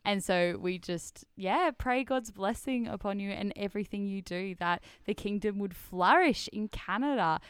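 Crystal-clear, enthusiastic woman podcast host. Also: medium pitch, moderate pace, few pauses, no echo, clean studio sound. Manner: enthusiastic, affirming, prays aloud. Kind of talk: casual faith podcast chat.

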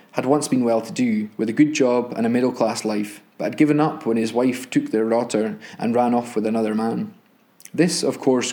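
A man, a podcast host, reading a crime novel aloud in steady, measured audiobook-style narration. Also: medium pitch.

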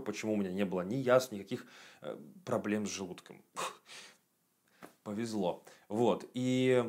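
A man in his late twenties giving a casual self-improvement monologue for his video channel, blunt and profane, with frequent fillers. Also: fairly low pitch. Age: 20s. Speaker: video blogger.

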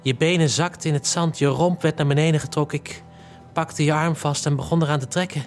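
A man's voice: on the high side, fairly even intonation, brisk, faint music behind, close to an everyday voice. An actor playing a lovesick, remorseful young man who talks in a pleading, confessional way in an audio drama. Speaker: main character.

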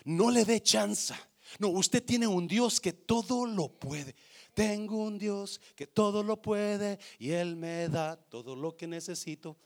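Impassioned high gravelly preacher man. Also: slow pace. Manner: impassioned, swings from hushed to shouting; calls out to congregation. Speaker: pastor. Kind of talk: sermon.

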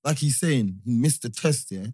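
A man's voice: mid-range voice, animated, normal speed, darkish tone, husky. A man with a London roadman accent hosting a casual podcast, teasing and sceptical, repeating himself in heavy slang. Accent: London roadman, multicultural London slang. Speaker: podcast host. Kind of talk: casual banter and debate.

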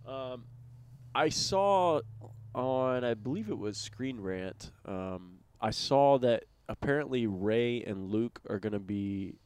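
A man co-hosting a podcast in casual chat, relaxed and loose, saying "dude" often and trailing off in fillers. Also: medium pitch, takes it slowly, clear, resonant tone. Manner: laid-back, says "dude" a lot, trails off with fillers. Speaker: podcast co-host.

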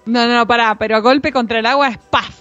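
A woman with a Rioplatense Spanish accent, co-hosting a casual podcast chat, amused and quick to get indignant. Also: on the high side, steady tone, fairly bright tone, muffled recording, faint music behind. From Argentina or Uruguay, living in the United States.

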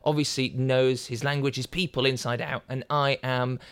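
A man's voice: medium pitch, level tone, moderate pace, a bit bright, clear, resonant tone, dry recording. A British man hosting a comedy podcast, chatting and interviewing in a jokey, teasing way. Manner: jokey, teasing, laughs readily. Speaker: podcast host. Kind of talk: comic interview chat.

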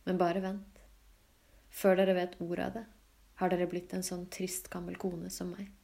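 A woman reading the lines of a lonely middle-aged mother in a soft, confiding, wistful way. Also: fairly low pitch, little pitch movement, vocal fry.

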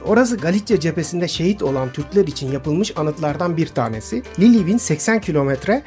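A woman's voice: low voice, fairly quick, faint music behind. A woman from Istanbul, a touring cyclist, telling travel stories as a guest in a radio interview and speaking straight to her listeners. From Istanbul, Turkey. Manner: lively anecdotal storytelling, addressing listeners directly.

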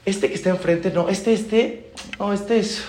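A man's voice: sits high, measured pace, slight background noise. A man, a rabbi giving a Torah class, acting out stories and repeating phrases for emphasis. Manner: animated, acts out dialogues, repeats phrases for emphasis. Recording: roomy echo.

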